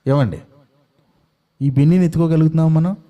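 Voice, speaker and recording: A man's voice: fairly high pitch, a little fast, warm tone. A male preacher giving a sermon, acting out scenes and throwing questions at his congregation. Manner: dramatic, acts out quotes and fires questions at the congregation.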